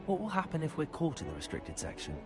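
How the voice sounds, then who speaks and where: A man's voice: fairly high pitch, huge pitch swings, fast, over music. An actor voicing a polite, earnest young male student wizard.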